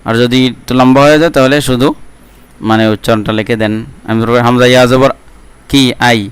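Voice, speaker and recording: A man teaching Quran reading, drilling letter sounds slowly syllable by syllable and breaking off into quick remarks to viewers. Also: medium pitch, fairly even intonation, clear, resonant tone, no echo. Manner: slow, drawn-out syllable drilling, then quick asides to viewers. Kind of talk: live online lesson, drilling letter sounds.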